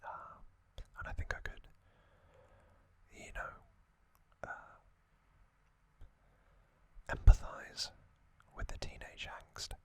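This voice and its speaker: Here an ASMR host in his thirties talks like a casual fan, all in a soft whisper, slow-paced and full of long pauses.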